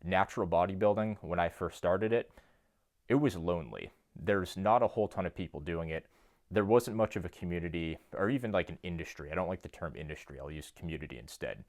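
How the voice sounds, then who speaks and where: A young man speaks earnestly to his phone camera from a home basement gym. His voice sits very low, and his delivery is a steady monotone. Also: fairly quick. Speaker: fitness YouTuber and coach. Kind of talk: casual talk to camera.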